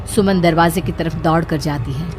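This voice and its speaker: A woman narrating a scripted horror story for a cartoon in a steady, suspenseful way. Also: deep voice, moderate pace, music in the background.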